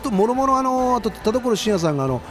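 Lively-voiced man in his fifties hosting radio. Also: very high voice, fast, soft background music. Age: 50s. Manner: rambling, chatty storytelling. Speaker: radio host. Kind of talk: casual late-night radio talk.

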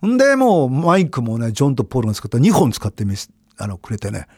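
A middle-aged man hosting a radio show, telling his own stories in a casual, animated way that swings between loud bursts and low mumbles. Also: quick pace, husky, no echo, studio quality. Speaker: radio host. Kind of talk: casual storytelling monologue.

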